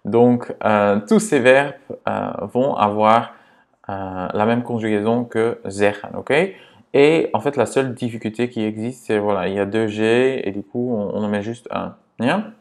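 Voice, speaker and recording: A man teaching grammar to beginners, patient and repetitive, checking in often with a quick "ok?". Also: lowish voice, gravelly. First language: Dutch. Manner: patient, repeats words and checks in with "ok?". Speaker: language teacher.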